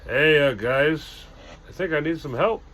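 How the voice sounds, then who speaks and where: A man's voice: fairly high pitch, a little slow, a bit bright, pitched above the performer's own voice. A man doing a brash young camper. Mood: sheepish. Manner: brash, dramatic. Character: cocky young male camper, showy hero.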